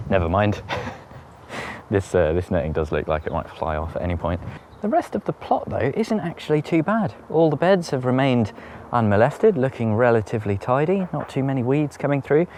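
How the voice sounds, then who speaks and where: A man's voice: mid-range voice, a little mellow, slight background noise. A man walking round his allotment, talking casually to camera with wry, self-mocking humour. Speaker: allotment vlogger. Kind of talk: casual walk-and-talk. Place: outdoor allotment garden.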